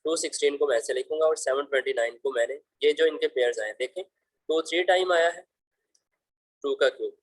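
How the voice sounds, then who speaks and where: Speaking a little fast in a fairly high voice, a fatherly man patiently takes students through math problems on slides, one step at a time. He affectionately addresses them as "beta." The recording is low-quality with no room sound.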